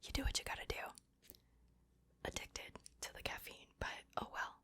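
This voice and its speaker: A woman's voice: normal speed, sharp tone. A woman whispering breathily, very close to the ear, in a casual ASMR chat. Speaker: ASMR video maker. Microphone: very close to the mic, ear to ear.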